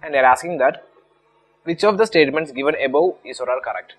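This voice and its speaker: Husky-voiced Indian man teaching a lesson. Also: fairly high pitch, fast, low-quality recording. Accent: Indian English. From Kerala, India. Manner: repetitive, restating points step by step. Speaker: online exam-prep teacher. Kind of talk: explanatory lecture.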